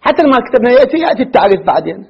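A man teaching grammar to a class, asking rhetorical questions and repeating examples slowly. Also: very high voice, sing-song, creaky, husky. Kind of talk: classroom lecture on Arabic morphology. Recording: muffled lo-fi lecture recording.

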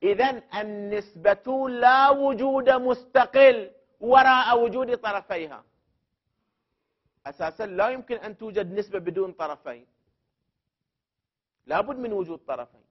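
A man's voice: high-pitched, moderate pace, long pauses. A man teaching a classroom lesson on legal theory. He builds the argument step by step, repeats key terms for emphasis and puts questions to the student. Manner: addresses the student directly and poses questions. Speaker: teacher of jurisprudence principles. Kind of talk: classroom lecture. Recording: dull lo-fi recording.

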